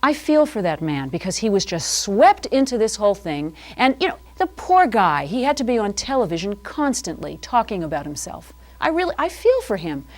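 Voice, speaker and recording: A middle-aged woman of middle pitch hosts a live comedy monologue from a cable TV studio. She confides in her viewers in a mock-serious, theatrical tone. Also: sing-song, normal speed, few pauses. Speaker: host.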